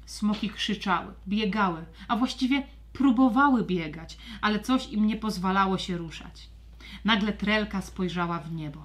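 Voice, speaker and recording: A woman narrates a scripted children's story with dramatic, expressive flair, her mid-range voice moving at normal speed.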